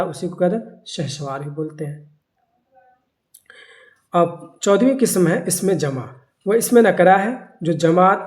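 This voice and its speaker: Teacher, drilling terms. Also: mid-range voice. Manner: keeps asking rhetorical questions and answering them himself; repeats key terms slowly for emphasis. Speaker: Urdu grammar teacher. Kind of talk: classroom-style grammar lecture.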